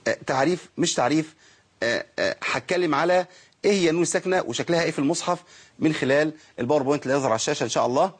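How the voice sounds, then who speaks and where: Egyptian man, rapid and slightly husky, teaching an online class and answering his own questions. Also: fairly high pitch. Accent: Egyptian Arabic. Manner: asks questions and answers them himself. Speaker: Quran recitation teacher. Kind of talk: online lesson.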